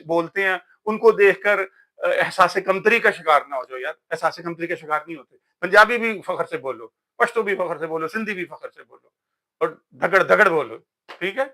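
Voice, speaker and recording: Books are the topic of this casual vlog from a man in Pakistan, whose voice sits high with a bright, forceful tone. He's emphatic and preachy and often says "yaar".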